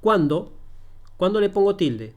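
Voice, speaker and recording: Male teacher, slightly high voice, slow and patient delivery, repeats examples during a one-on-one lesson. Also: sing-song, lo-fi sound. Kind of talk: one-on-one grammar lesson over a call.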